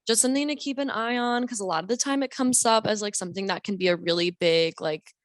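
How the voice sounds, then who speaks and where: A young woman from the Deep South of the US speaks fast in a mid-range voice as a guest author on a casual podcast. She rambles reflectively with plenty of fillers. The audio is clean studio sound with no room echo.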